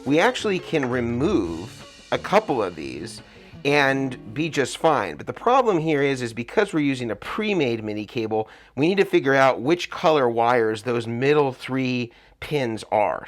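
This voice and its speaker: A man's voice: mid-range voice, sing-song, moderate pace, faint music behind. American man instructing through a face mask. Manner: explanatory, step-by-step. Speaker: tutorial host, guitar rig builder. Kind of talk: hands-on tutorial talk.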